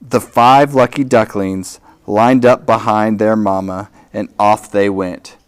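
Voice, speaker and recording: Slow, expressive storytelling man. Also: fairly low pitch, clear, resonant tone. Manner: slow, expressive, asks the children questions. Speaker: host reading to children. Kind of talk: children's read-aloud.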